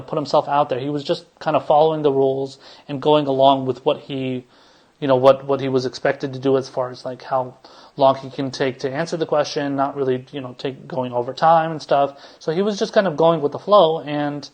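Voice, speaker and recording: Man, podcast host, political commentary, rambling, lots of restarts and fillers, mid-pitched voice. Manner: rambling, many restarts and fillers, casual swearing.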